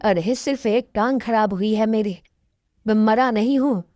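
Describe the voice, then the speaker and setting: A woman voicing a poor, hardworking father who is proud and stubborn, with a gruff way of brushing off worry, in a cartoon storybook. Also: on the high side, normal speed, a little mellow, slight background noise, lightly acted.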